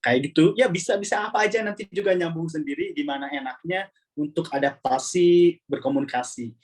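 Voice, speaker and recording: A man teaching an online Arabic class over a video call, relaxed and chatty, often repeating words as he explains. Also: fairly high pitch, a little fast.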